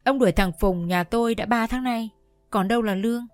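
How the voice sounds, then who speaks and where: Một người phụ nữ đọc lời một bà cụ già đang khóc lóc van xin. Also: female voice, a little high, brisk, a little mellow, no room sound, soft background music, natural voice. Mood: begging. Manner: begging, plaintive. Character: old woman, tearful and begging.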